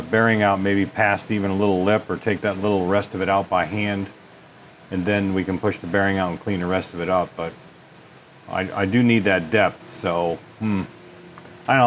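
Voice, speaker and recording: A man's voice: on the low side, a little hiss or hum. A man hosting a repair channel, casually demonstrating lathe work in his workshop and thinking aloud with folksy asides. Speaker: machine shop repair host.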